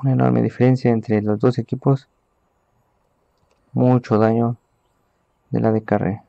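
A man calling a live esports match from home, giving hurried play-by-play and talking to his viewers. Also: medium pitch, little pitch movement, gravelly, dry recording, dull audio. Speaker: esports caster. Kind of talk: live game commentary.

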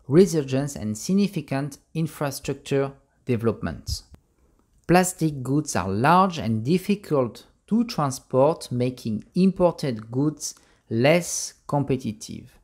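A narrator reading a scripted voice-over in a measured way, with small grammar slips. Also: mid-range voice, darkish tone.

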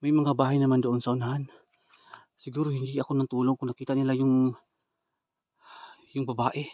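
Man, ghost-hunting vlog, outdoors in the woods, camera mic, hushed asides, mellow dark tone. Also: little pitch movement, a little fast, dry recording, lo-fi sound. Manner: low hushed asides to the camera, then loud urgent calling out. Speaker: ghost hunter vlogger. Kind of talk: live walkthrough vlog addressed to viewers. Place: outdoors in a forest.

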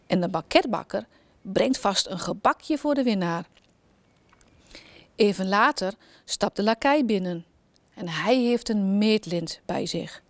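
A woman from the Netherlands telling a children's story in a gentle, expressive way. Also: mid-range voice, a little slow, pauses often, dry recording.

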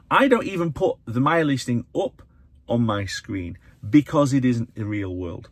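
A middle-aged English man films himself in his car and talks straight to camera, lively and opinionated, pushing his pitch up whenever he wants to stress something. His voice is a touch husky, and the sound is close and dry, with the mic right in front of him. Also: no echo. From England. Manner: animated, opinionated, swings pitch up for emphasis. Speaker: vlogger, channel host. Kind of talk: casual to-camera vlog. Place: inside a parked car. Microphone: phone or camera held close in front.

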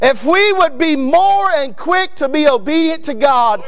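This fiery Baptist sermon comes from a thirtyish guest preacher with a Northern Kentucky accent, standing at a pulpit microphone in the church sanctuary. His very high, creaky voice moves unhurriedly with lively intonation as he climbs to shouts, repeats lines, and singles out men in the pews by name.

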